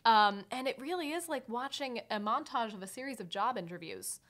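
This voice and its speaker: A woman's voice: fairly high pitch, expressive, a little fast, fairly bright tone. A woman, chatting casually and wryly as a podcast co-host into a close microphone. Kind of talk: casual chat, TV show recap. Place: small indoor podcast set with bookshelves. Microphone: desk microphone on a stand, close.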